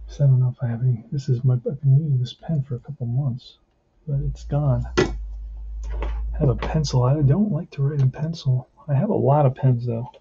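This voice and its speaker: Through a muffled, lo-fi recording with faint noise and clicks, a man with a mid-range voice calls a tabletop baseball game at a moderate pace. He plays at an indoor tabletop, narrating casually and thinking aloud.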